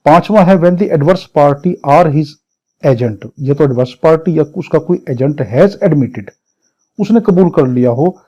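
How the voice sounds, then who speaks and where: Speaking slowly with a dark tone and a pitch on the high side, a man with a Pakistani accent gives an exam-prep law lecture. He reads out English statute phrases, explaining each one point by point and repeating and rephrasing them didactically. Audio quality is dull, muffled lo-fi.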